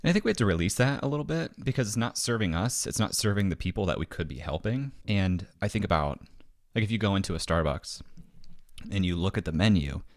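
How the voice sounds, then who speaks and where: Speaking quickly and expressively, this low-pitched podcast guest from the American Midwest acts out small quoted exchanges during a casual, lively interview chat. He's recorded in a home basement studio, and the audio is dry and studio-clean.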